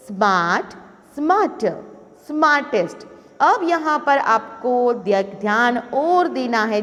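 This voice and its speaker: A young woman teacher speaks slowly and patiently to young pupils, walking them through a grammar lesson step by step. Her voice sits high, and it rings out in a reverberant room. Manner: patient, explains step by step to children, addresses them as kids. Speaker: primary school English teacher. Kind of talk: recorded video lesson in Hindi-English mix. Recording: long reverberant room sound.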